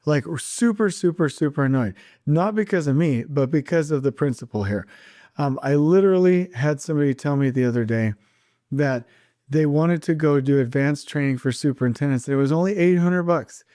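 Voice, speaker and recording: A podcast host delivers a solo monologue with strong feeling, repeating words for emphasis and restarting sentences as he goes. His voice is slightly high and warm at a normal speed, and the studio recording is clean and dry.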